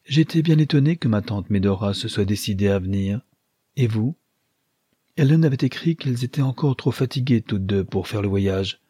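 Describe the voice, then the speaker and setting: A man voicing a cheerful, naive young newlywed woman who chatters with bright delight in an audiobook. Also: on the low side, expressive, normal speed, husky, no echo, studio quality.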